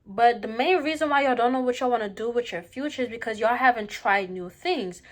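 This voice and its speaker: A woman's voice: fairly high pitch, a little fast. A young woman in a casual opinion monologue to viewers during a mukbang, slangy and emphatic, repeating phrases to drive points home. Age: young adult. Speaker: vlogger.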